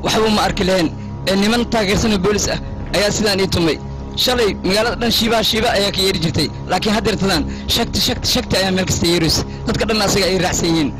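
A man's voice: high-pitched, rapid-fire, lightly acted, poor audio. A man with a Somali accent playing an anxious, deferential underling reporting to his boss in a film dub. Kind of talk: dubbed film acting. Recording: film dub over music.

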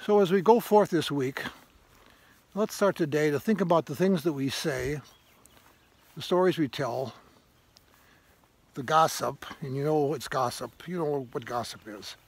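Slightly rough and higher-pitched, an older man reflects aloud in an informal sermon to camera as he walks a grassy woodland path. He is a retired parish priest who vlogs, speaking thoughtfully and haltingly with repeated emphatic phrases. He films on a handheld phone held at arm's length.

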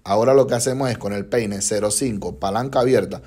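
A man's voice: fairly low pitch, brisk, mellow. A young man, a barber, narrating a step-by-step haircut tutorial in a barbershop, patient and instructive, often checking in with his viewers.

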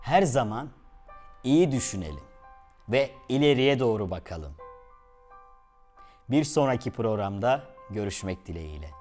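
A man tells a moral tale as the host of a brief devotional program, taking his time and letting his pitch rise and fall expressively. He acts out the shouts in the story. Faint music plays underneath him. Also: expressive, a little slow, long pauses.

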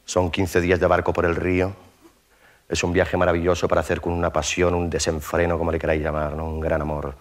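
A man with a somewhat low voice tells a long comic story from a theater stage. He talks to the audience in a loose, conversational way, often tagging his sentences with questions. He breaks into mouth sound effects as he goes. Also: completely flat delivery, fairly quick. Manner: conversational, with frequent tag questions. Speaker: stand-up comedian.

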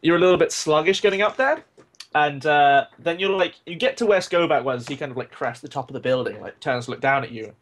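A man's voice: a little high, animated, a little fast, a bit bright. Young guy gm rambling through the scene, lots of um and like. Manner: loose and rambling, many fillers. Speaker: game master. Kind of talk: narrating a tabletop game.

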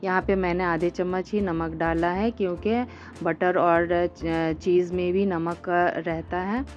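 Woman, cooking-channel host; low, warm voice-over, calm and instructional, faint music behind. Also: takes it slowly, muffled recording. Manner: calm step-by-step instruction with hesitations.

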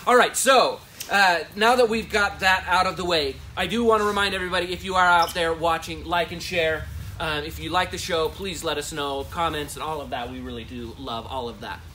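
Male host, relaxed sidekick energy, bright, raised pitch. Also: brisk, a little hiss or hum. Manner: echoes his partner's words, easygoing. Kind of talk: casual live-stream chat.

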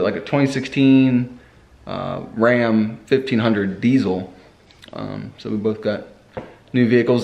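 With a lowish, slightly mellow voice, a young car vlogger rambles casually indoors in a home kitchen, his braces giving him a slight lisp. The camera recording him sits at arm's length or on the table.

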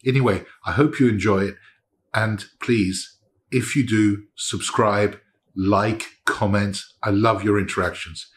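A man narrating his workshop project in a relaxed, chatty way, with frequent ums and restarts. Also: fairly low pitch, a little slow, slightly rough. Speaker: maker showing his knife-making project. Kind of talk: casual workshop vlog narration.

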